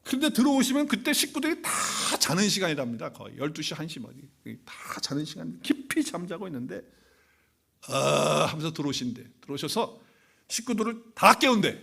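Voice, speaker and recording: A male pastor delivers a Sunday sermon in a relaxed, conversational manner. His voice sits a little high, and he tells stories and chuckles along the way. He talks from the pulpit of a church. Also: a little fast, gravelly, husky. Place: church sanctuary.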